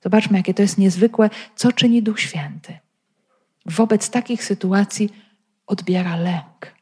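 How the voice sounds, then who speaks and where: Speaking a little slowly, in a mellow, mid-range voice with a breathy edge, a woman who teaches the Bible walks through a passage. Her commentary is full of rhetorical questions addressed straight to the audience.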